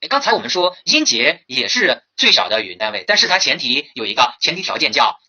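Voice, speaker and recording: A man teaching as a language instructor in a recorded exam-prep lecture, lively and full of rhetorical questions. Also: high voice, fast talker, gravelly, slightly rough, lo-fi sound.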